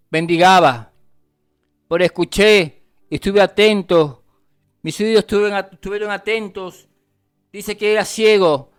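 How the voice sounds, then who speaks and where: A man's voice: sits high, a bit bright, clean tone, no echo, clean studio sound. A male deacon from Argentina preaching a fervent radio sermon, constantly calling his listeners brothers and repeating his phrases. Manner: repetitive, restates phrases.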